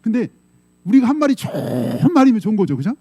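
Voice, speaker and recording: Man, middle-aged pastor, sermon, chatty delivery, acts out quotes, animated pitch, higher male voice. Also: fast talker, slightly rough, no room sound. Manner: conversational, often asks the congregation "예?" and "음?"; acts out quoted voices in short dramatic bursts. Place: church sanctuary.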